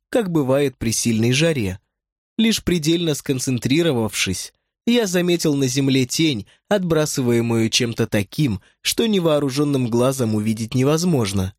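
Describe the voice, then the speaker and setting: A man narrating a first-person fantasy audiobook in an expressive way, with lively shifts in pitch. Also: no room sound, clean studio sound.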